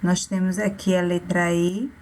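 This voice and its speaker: Slow, patient woman teaching young children. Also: lowish voice, little pitch movement, darkish tone, a little hiss or hum. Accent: Brazilian Portuguese. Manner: slow, patient, spells out syllables and repeats key terms. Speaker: primary school teacher. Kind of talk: remote lesson for children.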